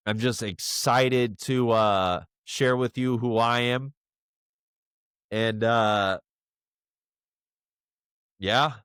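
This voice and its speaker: A man recording a personal video message to his young son, halting and emotional, choked up and full of fillers. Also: medium pitch, fairly bright tone, clean tone, no echo, clean studio sound.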